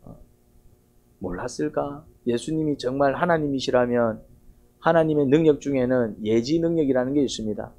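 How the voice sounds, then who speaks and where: A man preaches a Sunday sermon from the pulpit in a low, mellow voice of middle pitch. He tells the story vividly, like a storyteller, and often stops to ask the congregation rhetorical questions. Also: a little fast. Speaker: pastor.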